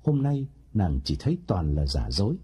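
Dark, husky male storyteller. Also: low-pitched, moderate pace. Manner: expressive storytelling. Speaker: storyteller and narrator. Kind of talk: audiobook story narration.

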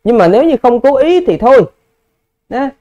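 A man's voice: very high voice, very animated, normal speed, warm tone, muffled recording. A male Buddhist monk answering a Dharma question, explaining patiently and addressing his listeners politely. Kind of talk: Dharma Q&A teaching.

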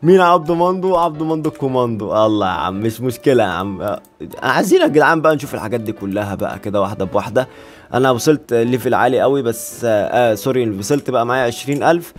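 A man's voice: medium pitch, very fast, faint music behind. A man with an Egyptian Arabic accent giving casual gameplay commentary, joking and talking straight to his viewers. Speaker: gaming YouTuber.

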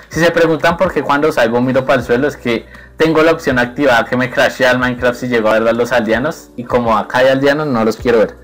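A young man giving excited, playful commentary over his own gameplay, teasing his opponent and laughing often. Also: medium pitch. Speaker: gaming video creator.

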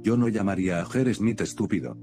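A man with a deep voice reading the lines of an earnest, gentle young woman in an audiobook, soft and patient. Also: animated, brisk. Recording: music playing under the voice.

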